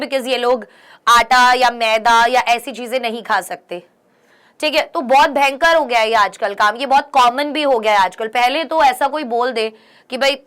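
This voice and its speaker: A young woman teaches an exam-prep lesson in a high, bright voice. She reads English passages out slowly, then explains each one, often stopping to ask her students questions. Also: smooth.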